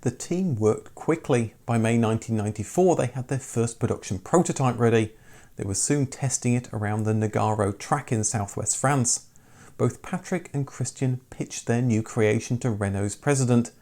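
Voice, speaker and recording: A man's voice: medium pitch, normal speed, warm tone. A man presenting a scripted documentary as its narrator.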